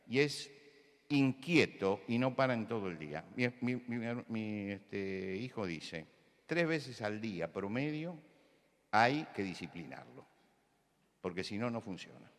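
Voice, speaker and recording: A man's voice: lowish voice, big-room sound. An older man from Buenos Aires with a Rioplatense accent, preaching a sermon in a conversational storytelling way that rises to emphatic points. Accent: Rioplatense Spanish. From Buenos Aires, Argentina. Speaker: pastor. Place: large church hall.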